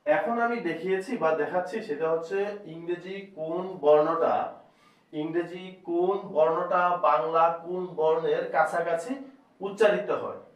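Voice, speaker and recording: A man teaching a slow spoken lesson and repeating each point several times. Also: fairly high pitch, steady tone. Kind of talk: spoken lesson on reading letters. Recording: echoey, distant, dull lo-fi room sound.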